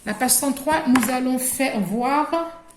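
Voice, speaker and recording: A woman with an Algerian French accent teaching young children to read. She speaks slowly and stretches words so the class can repeat after her. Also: sits high, noisy background. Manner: slow, deliberate, stretches words for repetition. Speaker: primary school teacher. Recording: echoey room.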